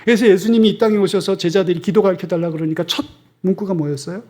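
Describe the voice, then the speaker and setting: High-voiced male pastor, conversational. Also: quick pace. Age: middle-aged. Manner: conversational, often asking the congregation questions; drops to soft near-whispers for tender lines. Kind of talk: sermon. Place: church sanctuary.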